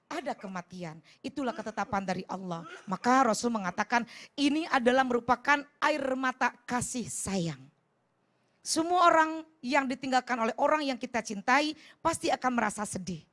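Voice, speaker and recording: A woman preacher speaks in a gentle, consoling sermon style, her voice sitting a little high. She talks in a TV studio. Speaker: Islamic preacher (ustazah).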